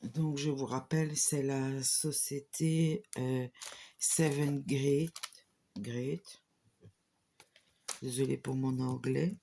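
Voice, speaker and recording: A woman shows off a new craft kit in a casual vlog, speaking slowly and hesitantly with many pauses and restarts. She is recording away from home on a camera on a small tripod. A faint noise sits behind her voice. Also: rumbling low, steady tone, gravelly, dark tone. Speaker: hobby channel host.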